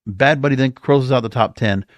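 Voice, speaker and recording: A medium-pitched male podcast host speaks fairly quickly, without any room sound. He gives casual, off-the-cuff music chart commentary, thinking out loud as he reads the figures.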